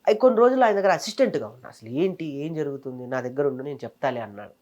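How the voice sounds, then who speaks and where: A man in his thirties from Telangana, a comedian and mimicry artist, telling his career story in a casual interview with fast, animated delivery. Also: on the high side, dull audio. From Telangana, India.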